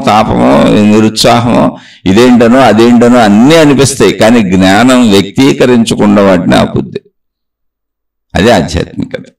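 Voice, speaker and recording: A man's voice: medium pitch, vocal fry, far from the mic. A man giving an emphatic, repetitive spiritual talk, lecturing his listeners. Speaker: spiritual speaker.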